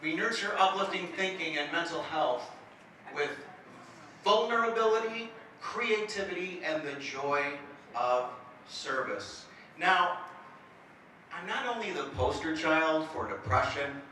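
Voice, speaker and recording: On stage in a presentation hall, a middle-aged motivational speaker tells self-mocking jokes with a slight stutter in a comedic talk. His voice is rather high and sharp, and the far-off mic picks up hall echo and slight background noise.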